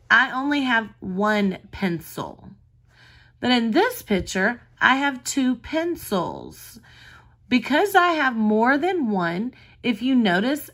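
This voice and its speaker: A woman's voice: a little high, a bit bright. A woman kindergarten teacher giving a reading lesson, explaining simply and sounding words out carefully, as if reading to a toddler. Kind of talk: recorded reading lesson for young children.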